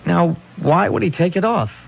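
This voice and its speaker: A man's voice: sits high, expressive, moderate pace, vocal fry, exaggerated voice, rough recording. An actor playing a flustered, earnest policeman in an old-time radio mystery, stammering and hesitating as he thinks aloud. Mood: puzzled, agitated. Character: flustered, earnest, unsure policeman reporting to his boss.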